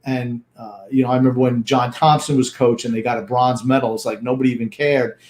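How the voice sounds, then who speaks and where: A man's voice: mid-range voice, little pitch movement, a little fast, a little mellow, echoey room. An older man co-hosting a sports talk show, blunt and grumpy with dismissive opinions. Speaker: co-host.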